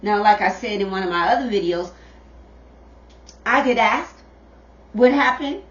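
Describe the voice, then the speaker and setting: A middle-aged mother talking casually to her viewers on camera, slow and repetitive, calling them y'all. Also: mid-range voice. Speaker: vlogger, mother. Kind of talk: casual direct-to-camera talk. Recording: dull, roomy, distant camera audio.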